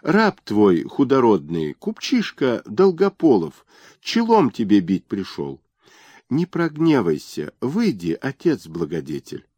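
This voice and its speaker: A man voicing a fawning, bankrupt male merchant who pleads in a high nasal whine. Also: wildly swooping pitch, takes it slowly, darkish tone, no echo, full character voice. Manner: groveling, wheedling.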